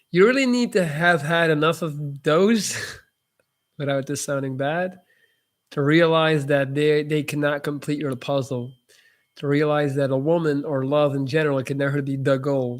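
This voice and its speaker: A young man, Dutch by first language, speaks in a slightly high, steady voice at a somewhat slow pace. He hosts a casual live Q&A, reading viewer messages aloud and giving loose answers that often restart.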